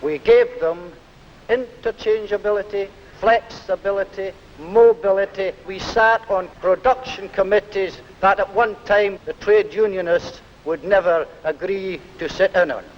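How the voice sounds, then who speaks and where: Male trade union speaker, high voice, dull reverberant recording. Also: unhurried. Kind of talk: public speech at a meeting. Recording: echoey hall, faint hiss, dull.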